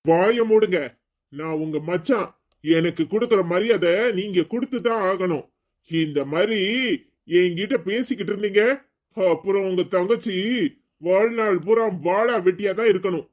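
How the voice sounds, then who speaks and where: A man's voice: sits high, moderate pace, a little mellow, close to an everyday voice. A man playing a hot-tempered proud husband. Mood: angry. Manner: angry, threatening, scolding. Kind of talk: cartoon voice acting.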